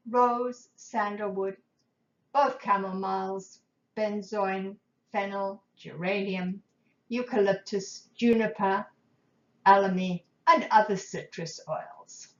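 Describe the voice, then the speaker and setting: A woman speaks in a gentle, measured way, easing through lists of scents and notes as she teaches about aromatherapy. Her pace is unhurried and slow. The sound is roomy and a little dull. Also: mid-range voice, steady tone. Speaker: aromatherapy presenter. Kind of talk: calm instructional talk.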